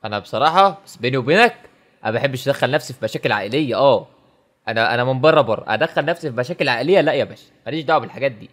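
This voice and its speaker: A man's voice: mid-range voice, expressive, very fast, fairly bright tone. A man with an Egyptian Arabic accent giving teasing, mock-exasperated comedy commentary on a sketch. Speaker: comedy reaction host.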